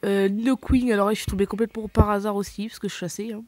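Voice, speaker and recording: A woman's voice: medium pitch, fairly even intonation, fast talker, darkish tone, dry recording. A woman chatting casually while showing her game collection, rambling with many fillers, slips and self-corrections. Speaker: gaming vlogger.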